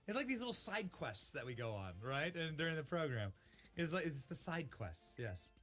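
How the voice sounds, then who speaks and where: A man hosting a live stream from a studio, his voice high and swooping wildly as he shouts over each new result. His tone is bright and sharp, and faint music plays behind him. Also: sing-song, normal speed. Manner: loud, gleeful, shouting at the map. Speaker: live election-night stream host. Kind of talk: excited live commentary.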